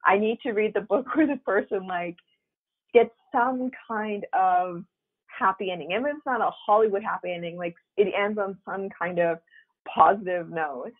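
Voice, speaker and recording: A woman author chatting as an interview guest, telling stories and acting out quotes with big jumps in pitch. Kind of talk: casual interview chat. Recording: tinny phone line.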